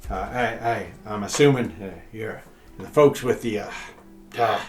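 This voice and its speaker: A man voicing a frustrated, flustered male sheriff who works as a smith and talks in a gruff, exasperated way. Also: lowish voice, normal speed, roomy sound, faint music behind, pitched below the performer's own voice, close to an everyday voice.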